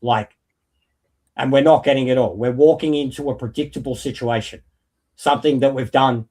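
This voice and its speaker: A man's voice: medium pitch, normal speed, a little mellow. Sweary, rambling man talking wrestling. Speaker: wrestling podcast panellist. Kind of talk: casual opinionated wrestling chat.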